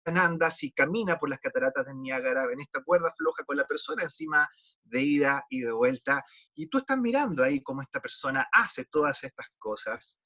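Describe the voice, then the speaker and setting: A man's voice: mid-range voice, animated, a little fast, bright, forceful tone. A man preaching a sermon in an earnest, pleading way, often repeating words as he restarts a thought.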